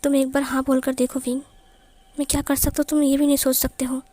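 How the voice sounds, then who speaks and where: A woman voicing a calm, devoted young man who speaks gently and soothingly. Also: high voice, fast, no echo, close to an everyday voice. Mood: gentle.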